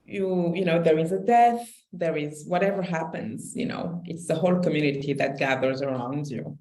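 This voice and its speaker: A woman from Senegal, co-hosting a podcast, talking candidly and reflectively in relaxed conversation, often restarting her phrases. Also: deep voice, moderate pace, low-quality recording. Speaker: podcast co-host.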